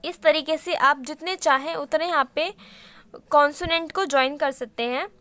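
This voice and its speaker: A woman's voice: sits high, moderate pace, sharp tone, no echo. A woman teaching a shorthand lesson in a casual mix of Hindi and English, explaining each step patiently.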